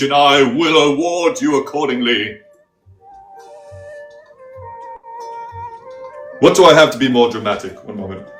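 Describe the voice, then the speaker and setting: A man's voice: a little high, fairly bright tone, reverberant. A man playing a pompous, self-styled pickle priest who makes grandiose pronouncements in mock-archaic speech. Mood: solemn. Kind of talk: comedic character interview.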